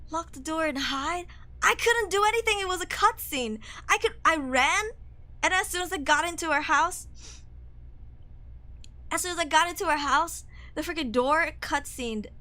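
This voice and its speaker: A woman's voice: extremely high pitch, lively intonation, moderate pace, bright, forceful tone. A young woman streaming a horror game, chatty and jumpy, sniffly with a cold. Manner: chatty, jumpy, swearing and laughing. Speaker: VTuber streamer.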